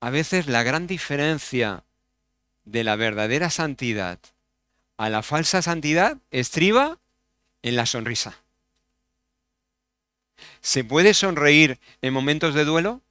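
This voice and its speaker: Bright, clear-voiced Spanish pastor preaching. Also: male voice, on the high side, slow, pauses often, no echo, clean studio sound. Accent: Spain Spanish. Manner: expressive, shifting from loud exclamations to hushed storytelling; asks many rhetorical questions. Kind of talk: sermon.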